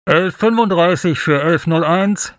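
Male reader voicing a clipped police dispatcher heard over tinny radio, higher and louder than his narration, dry sound. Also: a little slow, no room sound. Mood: official. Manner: clipped radio call-sign delivery. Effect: tinny police radio loudspeaker. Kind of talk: audiobook narration.

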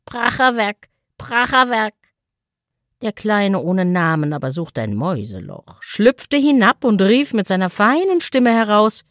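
A woman reading a fairy tale aloud as a storyteller, in an expressive, sing-song way. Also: mid-range voice, normal speed, hardly any pauses, no room sound, studio quality.

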